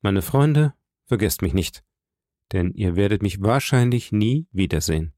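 A man reading an audiobook, voicing a dignified count who speaks in a measured, gently persuasive way. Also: fairly low pitch, lively intonation, no room sound, clean studio sound. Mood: solemn. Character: dignified aristocratic older count, calm and kindly. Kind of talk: audiobook character voice.

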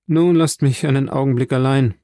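A man voicing a grieving, kindly middle-aged shipowner in an audiobook, with an earnest, warm delivery. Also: medium pitch, fairly even intonation, normal speed, dry recording, studio quality, pitched above the performer's own voice, natural voice. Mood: sorrowful, kind.

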